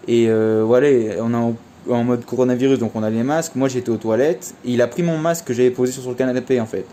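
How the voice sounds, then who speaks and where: A man's voice: mid-range voice, steady tone, fast, mellow, slight background noise. A young man telling a casual story in a vlog, chatty and slangy, full of fillers. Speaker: vlogger.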